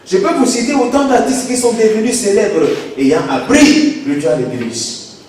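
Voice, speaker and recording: A man's voice: high-pitched, animated, normal speed, darkish tone, slight background noise. A man preaching a sermon as pastor, emphatic and given to repeated rhetorical questions. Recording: echoey hall, voice far from mic.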